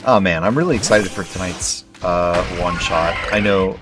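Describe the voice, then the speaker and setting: A male streamer chatting casually at home at night while playing a game, relaxed and rambling with many fillers. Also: sits low, normal speed, over music. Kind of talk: casual gameplay commentary.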